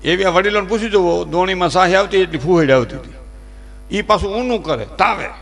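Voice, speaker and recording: A high-pitched man spins humorous folk stories for a live crowd. He talks in an animated way, slips into characters' voices and presses his points with preachy emphasis. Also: normal speed, creaky. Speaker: folk storyteller at a dayro.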